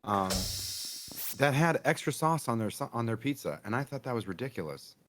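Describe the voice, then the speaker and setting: A man's voice: mid-range voice, sing-song, a little fast. A man streaming a party game with friends, chatting casually and rambling with lots of fillers. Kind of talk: casual chat. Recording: noisy mic with clicks.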